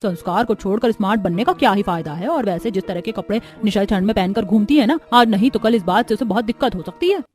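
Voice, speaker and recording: A woman voicing a sensible young daughter-in-law in a cartoon story, reasoning calmly. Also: mid-range voice, fast talker, few pauses, faint music behind, lightly acted. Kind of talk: cartoon voice acting.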